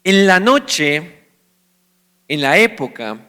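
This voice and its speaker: A man preaching in a Colombian accent, with a crisp, bright tone pitched a little above the usual. He walks through scripture like a teacher. He keeps putting questions to his listeners and answering them himself. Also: big pitch swings, takes it slowly. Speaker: pastor. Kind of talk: sermon.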